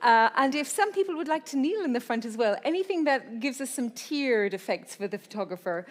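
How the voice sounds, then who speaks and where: In a large hall before an audience, the ceremony host calls out delegations at a live award show, chatty and upbeat with little laughs. Her voice is fairly high, expressive, and brisk. Faint crowd sounds and noise come through the live event audio.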